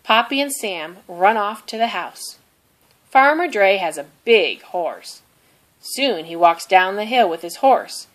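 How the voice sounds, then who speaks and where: A woman reads a children's story out loud; her voice sits at a medium pitch, and she delivers each line with deliberate expression.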